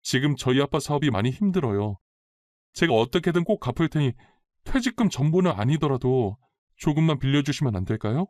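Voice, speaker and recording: Pushy young woman, daughter-in-law, raised pitch, a man putting her on, dry close sound. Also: expressive, a little fast, a little mellow, no echo, natural voice. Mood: pleading. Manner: insistent, whiny and defiant. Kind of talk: storytelling drama reading.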